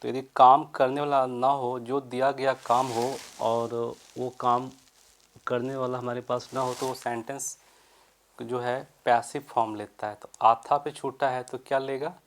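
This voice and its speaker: This is a Hindi-language English grammar lesson from a male teacher who proceeds stepwise and asks and answers his own questions. Example sentences come slowly and carefully, in a mid-range voice that barely shifts in pitch.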